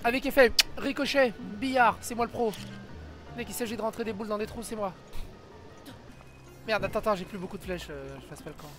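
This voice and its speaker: A young woman streaming a video game, giving excitable commentary and crying out at her wins. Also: mid-range voice, fairly quick, pauses often, music in the background. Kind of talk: live gameplay commentary.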